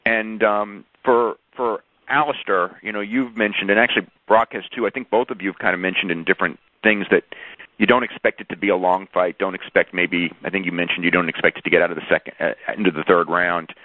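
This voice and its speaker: A man's voice: low voice, steady tone, brisk, no room sound. A male sports reporter asking wordy, stumbling questions on a press conference call over the telephone. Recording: narrow, muffled telephone line.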